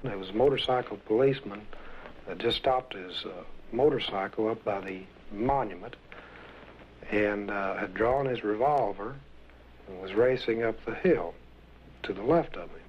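A man recounting what he witnessed in a plain, halting, folksy way, on a 1960s vinyl record. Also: on the low side. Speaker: eyewitness. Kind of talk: recounting an event in interview. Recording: dull, noisy vintage 1960s vinyl record.

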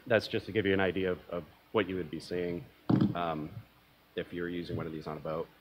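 A man's voice: sits low, little pitch movement, fast, heavy background noise. A young man presenting at an academic conference from a lectern, talking casually with frequent ums and uhs and a self-deprecating humor.

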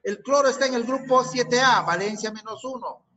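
High, bright-voiced male chemistry teacher. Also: moderate pace, slight background noise, poor audio. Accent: Peruvian Spanish. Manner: questioning, repeats answers, drills students. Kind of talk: online class lesson.

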